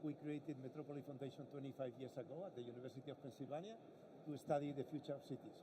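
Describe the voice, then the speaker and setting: A man presenting his foundation on a panel in a formal, measured way. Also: mid-range voice, steady tone, noisy background. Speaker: foundation president. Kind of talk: panel remarks.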